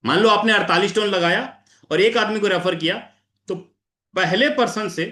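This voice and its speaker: A man's voice: sits high, normal speed, sharp tone, roomy sound. A man presenting an income plan over a screen share, repeating himself and answering his own questions while calling listeners sir.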